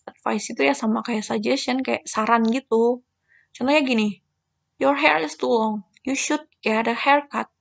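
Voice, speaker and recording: A woman's voice: a little high, gravelly. Chatty young woman teaching English. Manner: chatty, rhetorical questions, acts out student replies. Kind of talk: casual online English lesson.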